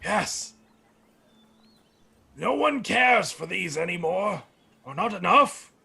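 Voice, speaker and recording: A man voicing a grumpy, bitter old nature priest in a tabletop game, with a creaky, raspy, slow and solemn delivery. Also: high voice, very animated, pushed and bright, full character voice. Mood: mournful, grumbling. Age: older. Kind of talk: tabletop role-play acting.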